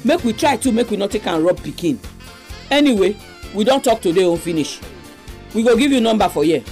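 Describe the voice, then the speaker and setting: A woman's voice: medium pitch, expressive, fairly quick, a little mellow. Nigerian woman hosting radio, music behind. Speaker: radio program host. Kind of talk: radio presenting and exhortation.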